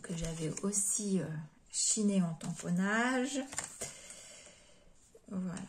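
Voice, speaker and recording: A woman craft vlogger chatting casually as she shows things off, gushing with repeated praise and often dropping to soft whispers. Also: mid-range voice, slow, a little hiss or hum. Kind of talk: casual show-and-tell chat.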